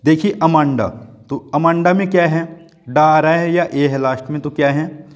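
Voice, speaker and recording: Indian man teaching a school lesson, voice a bit on the high side, patient and repetitive. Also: normal speed. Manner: patient, repetitive, keeps checking students understand. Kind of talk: classroom lesson explaining a poem.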